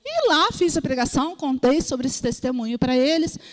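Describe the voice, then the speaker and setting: A woman's voice: high voice, sing-song, moderate pace. Brazilian woman preaching in a reverberant hall. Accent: Brazilian Portuguese. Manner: storytelling, acts out voices in quotes; asks listeners "entendeu?". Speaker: lay preacher.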